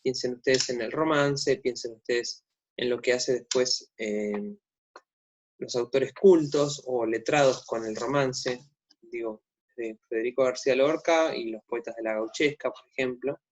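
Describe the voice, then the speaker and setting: A man's voice: medium pitch, measured pace, slight background noise. A man with an Argentine accent giving a recorded literature lecture, with many fillers and restarts. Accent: Argentine Spanish. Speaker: literature teacher. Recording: dull lo-fi sound.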